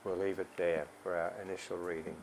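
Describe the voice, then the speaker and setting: A man's voice: low-pitched, level tone, a little fast, gravelly, darkish tone, a little hiss or hum, rough recording. A man preaching, reading scripture aloud in a solemn, emphatic way and then leading a prayer.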